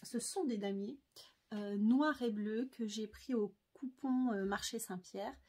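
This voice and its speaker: A French woman with a somewhat high voice chats about her sewing projects at home. She is hesitant and full of fillers, yet friendly and easygoing. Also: a little slow, darkish tone. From France. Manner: chatty, hesitant, many fillers. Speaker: sewing vlogger. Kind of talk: casual sewing chat to camera.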